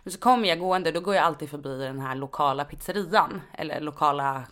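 Low-voiced Stockholm woman chatting. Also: fairly bright tone. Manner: informal, sweary, slangy speech. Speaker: podcast co-host; nurse. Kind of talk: casual conversational storytelling.

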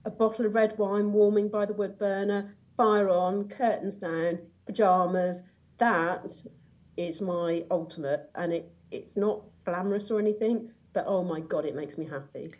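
A woman's voice: medium pitch, fairly even intonation, normal speed, a little mellow, low-quality recording. Woman guest, enthusiastic and giggly, rambling casual chat. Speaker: podcast guest.

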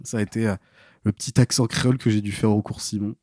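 Young man in his 20s, low voice, dry close mic, hesitant chatty storyteller. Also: flat delivery, fast talker, a little mellow, dry recording. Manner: hesitant, full of fillers and restarts. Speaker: podcast guest. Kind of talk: casual interview storytelling.

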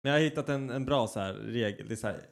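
A man's voice: mid-range voice, gravelly. A man in his thirties co-hosting a podcast, joking and laughing with lots of swearing. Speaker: podcast co-host. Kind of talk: casual chat.

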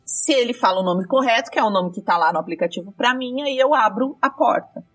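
A woman's voice: on the high side, a little fast, far from the mic. A woman, telling a dramatic story from her rideshare driving in casual chat. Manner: lively, dramatic retelling with quoted dialogue.

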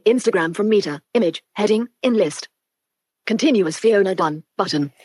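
A synthetic female screen reader voice, played through a Bluetooth speaker, reads out on-screen labels and buttons. It's medium-pitched and slightly mellow, husky, at normal speed, in a dry, studio-quality recording.

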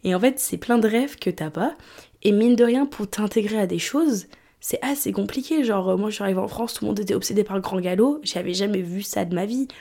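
Mellow-voiced young woman switching French and English. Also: mid-range voice, fairly quick. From England. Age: 20s. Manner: switches between French and English mid-sentence; candid, conversational. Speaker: vlogger. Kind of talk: personal monologue to camera.

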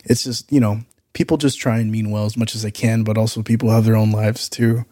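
A man's voice: lowish voice, little pitch movement, a little fast, dark tone, dry recording, studio quality. A man co-hosting a podcast, chatting casually and reflectively with everyday slang. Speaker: podcast co-host. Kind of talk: casual chat.

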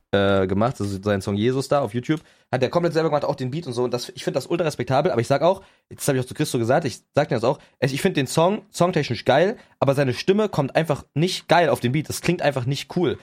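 A young man talks fast on a casual podcast, rambling through slangy sentences and restarting them. His voice sits at an ordinary middle pitch. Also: animated, a little mellow. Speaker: podcast co-host.

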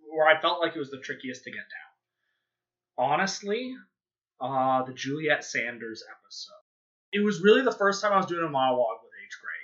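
A man's voice: mid-range voice, sharp tone, lo-fi sound. A man who voices characters on a podcast, talking through his process in a casual, hesitant way with easy laughs. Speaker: podcast voice actor. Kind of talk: casual panel chat.

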